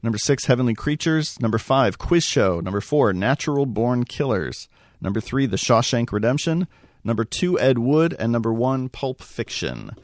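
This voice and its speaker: A man's voice: medium pitch, animated, normal speed, no room sound, clean studio sound. A man hosting a casual film podcast, with a laid-back, wry way of talking. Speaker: podcast host.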